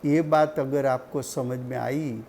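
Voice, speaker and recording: A man giving a slow, deliberate religious study lecture, repeating key points for his listeners. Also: mid-range voice, fairly even intonation, a little mellow, a little hiss or hum. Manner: slow, deliberate teaching with repetition. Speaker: scripture teacher.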